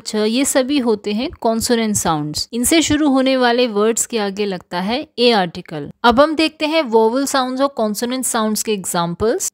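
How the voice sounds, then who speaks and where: A woman with a slightly high voice narrates a grammar lesson in a measured, scripted way. She slows down deliberately on each English example sentence. The recording is close and dry, with no room echo.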